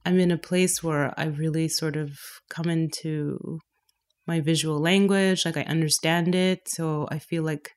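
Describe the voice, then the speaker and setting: A woman's voice: low-pitched, unhurried. A woman from Canada, a painter, talking casually in an interview and laughing often. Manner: laughs often, relaxed and chatty. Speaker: guest painter.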